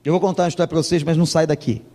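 A man's voice: a little high, fairly even intonation, rapid-fire, mellow, in a large hall. A male pastor preaching a sermon, telling a humorous story and acting out the dialogue of its people.

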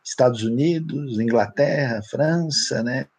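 A man's voice: medium pitch, a little slow, husky, no room sound. A man with a Brazilian Portuguese accent, a pastor on a discussion panel, explaining ideas in a thoughtful, lecturing way and often tagging phrases with "né".

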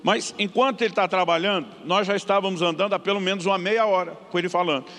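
A pastor preaches a story-driven sermon. He talks quickly, with a slightly raised voice, and brings the dialogue in his story to life. A long hall reverb trails behind each phrase. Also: sits high. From São Paulo state, Brazil. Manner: lively storyteller acting out dialogue.

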